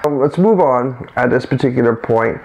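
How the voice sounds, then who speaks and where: A man co-hosts a casual chat about comics, talking in a rambling way and often restarting his sentences. His voice sits at an ordinary pitch with a gravelly, fried edge. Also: moderate pace, a little mellow, low-quality recording. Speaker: co-host.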